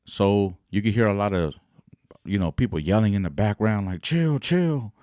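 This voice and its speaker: Brief: low-voiced man, slangy rambling podcast commentary, dry close sound. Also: moderate pace, dark tone, no room sound. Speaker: podcast host. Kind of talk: casual commentary.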